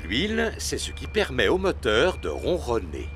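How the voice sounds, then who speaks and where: A man's voice: medium pitch, wildly swooping pitch, measured pace, fairly bright tone, soft background music. A man voicing a cheerful, easygoing father pig in a dubbed cartoon, with a jolly, fatherly manner. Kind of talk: French cartoon dubbing.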